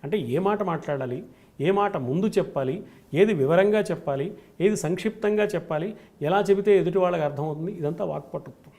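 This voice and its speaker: A man's voice: high-pitched, fairly quick, dark tone. A man, a spiritual scholar, giving a devotional discourse on scripture, stressing points in rhythmic lists. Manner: emphatic, rhythmic lists of qualities.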